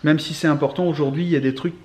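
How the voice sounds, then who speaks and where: A man's voice: fairly high pitch, fairly even intonation, racing, slight background noise. A young man and father rambling casually on a vlog, with a joking manner and many fillers. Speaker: vlogger and father.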